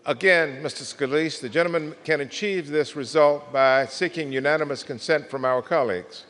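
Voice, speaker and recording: An American man presiding over a legislature, giving formal, measured procedural rulings. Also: fairly high pitch, fairly bright tone. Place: large indoor legislative chamber. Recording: echoey large legislative chamber.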